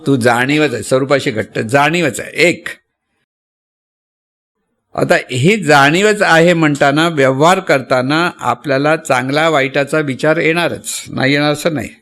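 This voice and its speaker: A man's voice: fairly high pitch, unhurried, fairly bright tone. A man with a Marathi accent giving a devotional sermon, teaching patiently, repeating points and asking the listeners rhetorical questions. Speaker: spiritual teacher.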